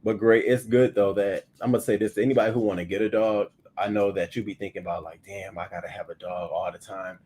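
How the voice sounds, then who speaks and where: A man in his thirties hosting a livestream morning show, chatting loosely with profanity and sudden loud bursts into a webcam mic. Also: on the low side, fast, hardly any pauses, slight background noise. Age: 30s. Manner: loose, profane and animated, often bursting louder. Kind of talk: casual livestream chat.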